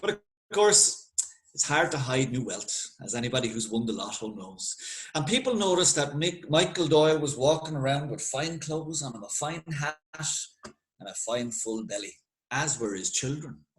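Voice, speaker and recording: A man with an Irish accent telling a folk tale in a lively, conversational way with dramatic pauses. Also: mid-range voice, low-quality recording. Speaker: storyteller. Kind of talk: spoken folk tale narration.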